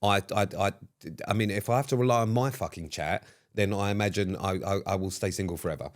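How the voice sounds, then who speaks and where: A man co-hosting a podcast in casual chat. His voice is lowish. He is dry and self-mocking, and he swears freely. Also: fast talker. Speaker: podcast co-host.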